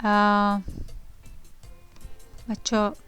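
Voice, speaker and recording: A woman's voice: mid-range voice, monotone, fairly bright tone, smooth, faint music behind. A woman teaching an English vocabulary lesson to beginners, reading definitions aloud and then explaining them patiently to her students. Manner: patient and repetitive, addressing students directly.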